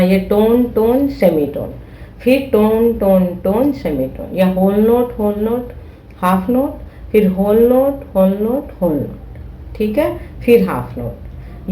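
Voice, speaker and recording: A woman's voice: medium pitch, warm tone, echoey room, slight background noise, low-quality recording. A woman teaching flute who explains patiently, repeating steps and checking that listeners follow. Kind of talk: explaining a music lesson.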